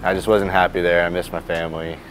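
A man's voice: low voice, level tone, fast talker, noisy background. A young man from Florida, a college football player, talking plainly and a bit rambling in a sports interview. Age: young adult. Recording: background music under voice.

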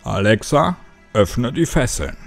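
A man's voice: medium pitch, sing-song, takes it slowly, vocal fry, faint music behind, full character voice. A man doing a sneering sarcastic cop. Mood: sardonic. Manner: teasing, dry and sneering. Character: sarcastic middle-aged male cop, mocking and gruff.

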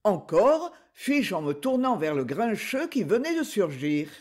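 A woman reading a novel aloud as an audiobook, in a measured, expressive narration. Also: mid-range voice. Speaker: audiobook reader. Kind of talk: scripted narration.

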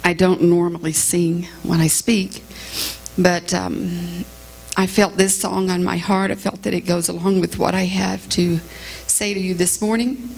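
A woman in her fifties, guest speaker at a women's church conference, chats casually with the congregation in a large sanctuary before she sings, self-deprecating and full of ums. Her lowish, creaky, darkish voice is flat and a little slow. A distant stage mic gives a rough recording with slight hiss or hum.

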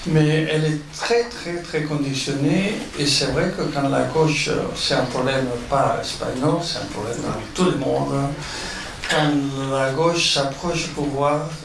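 A man's voice: fairly high pitch, measured pace, creaky. A man with a foreign, Iberian accent in non-native French, answering questions at a meeting and searching for his words. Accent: Spanish or Catalan accent in French. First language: not French. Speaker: guest speaker at a political meeting. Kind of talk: impromptu speech answering audience questions. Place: indoor meeting hall with an audience. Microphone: handheld microphone. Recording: echoey room, distant pickup, audience noise.

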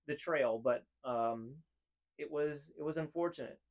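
A man's voice: a little high, normal speed, darkish tone. A man in his thirties co-hosting a casual chat show, talking in an opinionated, emphatic way and repeating phrases to drive a point home. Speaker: co-host. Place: room full of hanging jerseys.

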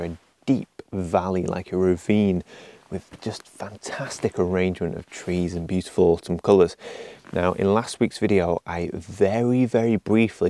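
Calm man filming himself in an autumn forest. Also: low voice. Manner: calm, explanatory, counts a long exposure in a whisper. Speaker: landscape photographer. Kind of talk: on-location vlog narration. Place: outdoors in an autumn beech forest.

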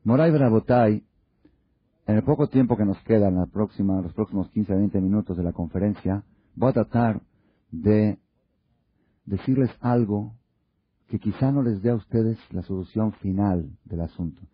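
A man's voice: lowish voice, normal speed, breathy edge, dry recording. A man giving a Torah lecture to an audience, asking many rhetorical questions and acting out little dialogues to make his points. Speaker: religious lecturer. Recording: dull lo-fi recording.

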